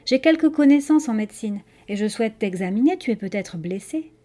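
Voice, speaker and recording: A kindly dwarf healer from a storybook, voiced by a woman. He speaks softly and slowly with a soothing, fairly high voice, and his tone stays mellow and warm. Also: animated, lightly acted. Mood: gentle. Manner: soft, soothing, slow.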